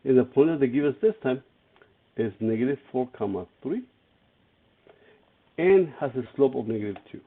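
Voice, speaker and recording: Gravelly male teacher on a tinny recording. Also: mid-range voice, animated, moderate pace, pauses often. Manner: explains step by step, asks students questions. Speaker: math teacher. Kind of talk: recorded algebra lesson. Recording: tinny phone-like lo-fi audio.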